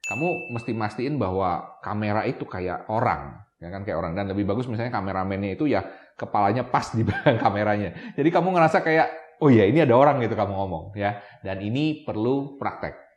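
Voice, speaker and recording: A man's voice: lowish voice, lively intonation, a little fast. Chatty man presenting tips to camera. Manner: chatty, keeps adding "ya kan?" to check in; mixes English words into his talk. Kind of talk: casual explainer to camera. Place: room with a camera operator. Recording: echoey room.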